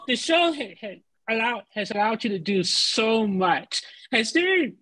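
A woman's voice: medium pitch, breathy edge, low-quality recording. A woman in the audience asking the panel a question, a little nervous and stumbling over her words.

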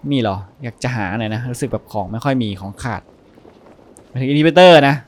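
A man's voice: mid-range voice, animated, a little fast. A man hosting a let's-play, chatting casually over gameplay, laughing often and repeating words as he plays.

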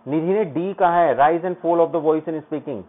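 A man with a fairly high voice teaches a live online exam-prep class. He reads English questions slowly, breaks them down in Hindi, and names his students as he praises them. The sound is tinny and narrow, like a phone line.

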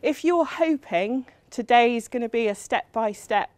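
A middle-aged woman from England lecturing at a university, her voice pitched a little high. She talks in a chatty, self-deprecating way, full of ums and asides. The sound is dry and close. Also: expressive, measured pace, darkish tone, no echo. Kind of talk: academic lecture.

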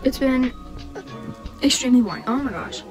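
Young woman, high voice, bubbly casual vlog chat, hiccuping, music playing behind. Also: animated, normal speed, low-quality recording. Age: young adult. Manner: chatty and bubbly, with frequent giggles and filler words. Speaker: vlogger. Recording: background music under the voice.

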